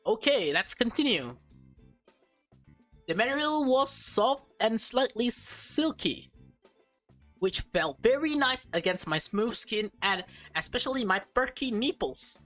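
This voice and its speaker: In a let's play, a woman reads a visual novel aloud with expression, tossing in casual reactions and now and then tripping over a word. Her voice sits fairly high and moves a little slowly, with soft music playing behind her.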